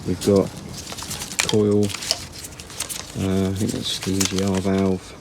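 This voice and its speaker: A man's voice: low-pitched, monotone, slow pace, background noise. A man casually talking through an engine strip-down outdoors, rambling and plain-spoken, correcting himself as he goes. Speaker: car repair vlogger. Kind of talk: casual workshop commentary. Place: outdoors in a yard.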